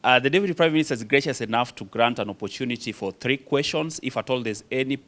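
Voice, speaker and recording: A man moderating a conference Q&A, speaking slowly and politely. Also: mid-range voice, fairly bright tone. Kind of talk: chairing a Q&A.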